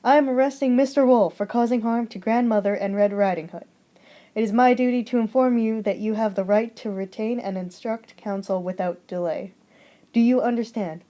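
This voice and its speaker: A woman's voice: a little high, moderate pace, dark tone, lightly acted. A young woman voicing a police officer, reading legal wording in a stilted, formal way.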